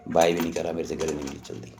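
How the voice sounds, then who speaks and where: A man's voice: a bass voice, level tone, racing, music in the background. An older man casually telling a personal story in a rambling, conversational way, often acting out what others said. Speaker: storyteller recounting a personal memory.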